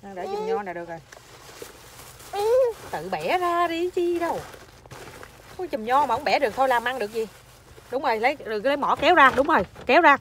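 A mother talks her toddler through snacks and groceries in a chatty, playful, coaxing way. Her voice sits a little high. Steady background noise runs under the home recording. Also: very fast. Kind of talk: casual family vlog.

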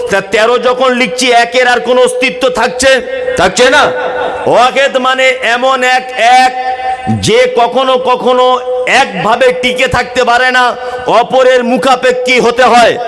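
A man's voice: very high voice, fairly bright tone. A man from West Bengal with a West Bengal Bengali accent, preaching a waz sermon at a large gathering, asking the crowd questions and answering them himself. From West Bengal, India. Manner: counts and explains in a teaching tone. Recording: echoey, long reverb over a public address system.

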